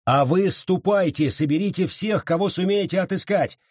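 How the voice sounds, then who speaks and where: A man's voice: high-pitched, normal speed, a little mellow, dry recording, clean studio sound, voice pushed up. A man voicing a village sheriff who barks urgent commands.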